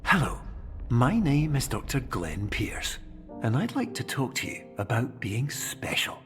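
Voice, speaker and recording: A reassuring game doctor, steady middle pitch, echoey hall sound, music under it. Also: male voice, measured pace. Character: cheery male doctor in a recorded message. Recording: game audio with long reverb.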